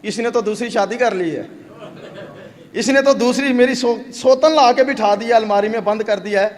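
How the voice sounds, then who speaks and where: A man voicing a jealous village wife who weeps and complains, within a sermon story. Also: very high voice. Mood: aggrieved. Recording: echoey mosque hall.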